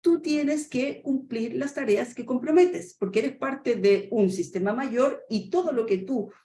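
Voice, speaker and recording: Lecturing in a webinar from a room with noticeable echo, a woman from Chile who works as a training consultant addresses her audience directly with regular check-ins and role-plays workplace exchanges between boss and employee. She speaks at a measured pace in a warm, somewhat high voice.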